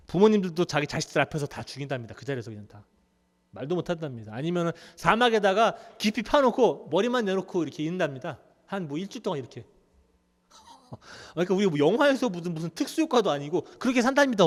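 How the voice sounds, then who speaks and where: A male pastor preaching in a church, his high voice leaping up and down as he tells the story like a conversation. The sanctuary adds a long reverb tail to every phrase. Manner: conversational, animated storytelling with laughs. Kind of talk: sermon.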